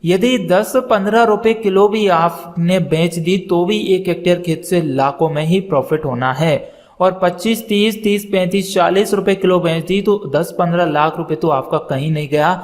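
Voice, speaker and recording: High-voiced man giving farming advice. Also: normal speed. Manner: plain, advisory, addresses viewers directly as farmer brothers; steady explanatory delivery of figures and doses. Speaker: farming video host. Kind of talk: instructional narration for farmers.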